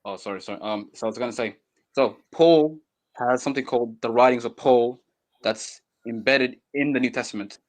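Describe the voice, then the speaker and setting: A man's voice: mid-range voice, brisk. A man calling into a live debate stream from a phone, earnest and a little hesitant, often restarting words. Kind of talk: casual debate chat. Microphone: phone mic.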